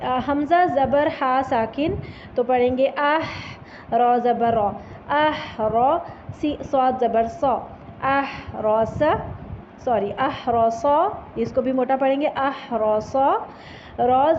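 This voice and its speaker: A woman's voice: high voice, muffled recording, a little hiss or hum. A woman teaching Quran recitation, spelling out Arabic letters and vowel marks syllable by syllable and drawing the sounds out for her students. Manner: slow, drawn-out syllable-by-syllable drilling.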